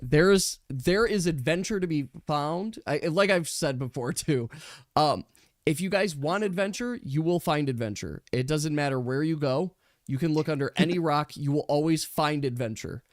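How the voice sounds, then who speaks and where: After a tabletop game session, a man acting as game master chats casually, explaining things with emphatic repetition. His voice is on the high side at a normal speed, and the recording is dry with clean studio sound.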